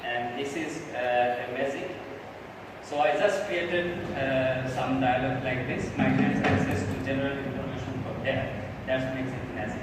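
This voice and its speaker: A man from Bangladesh giving a live pitch presentation, earnest and halting with frequent fillers. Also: steady tone, very noisy. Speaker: startup presenter. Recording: echoey hall from far off.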